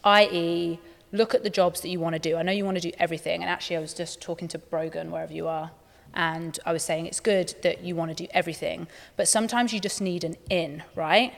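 A woman with a British accent and a slightly low voice gives practical, direct advice. She explains casually, posing questions and answering them, in a reverberant hall. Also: steady tone, fast talker, gravelly. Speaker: panel guest, dance industry mentor.

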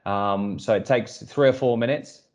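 A man hosting a podcast, handing over to his co-host in a relaxed way with lots of fillers. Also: on the low side, moderate pace.

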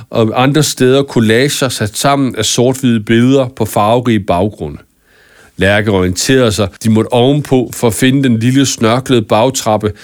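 A man reading a children's story aloud in a calm, even narration. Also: medium pitch, no room sound, clean studio sound. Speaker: audiobook narrator. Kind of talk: scripted narration.

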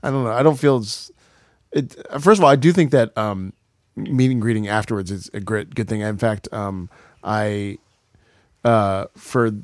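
A man co-hosting a podcast, talking in a relaxed way with many fillers. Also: on the low side, moderate pace, dry recording. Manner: relaxed, lots of "like" and "um". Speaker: podcast co-host. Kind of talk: casual chat.

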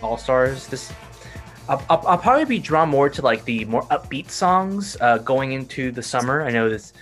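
A man's voice: mid-range voice, animated, normal speed, a bit bright, soft background music. A man with a Texan accent, co-hosting a casual podcast chat and rambling with lots of fillers and restarts. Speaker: podcast co-host.

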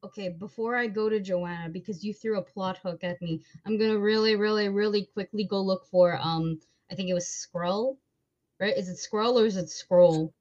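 A woman player in a tabletop game, talking in an animated, emphatic way and swearing freely. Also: mid-range voice, a little fast. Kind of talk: tabletop game play, casual chat. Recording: dull lo-fi sound.

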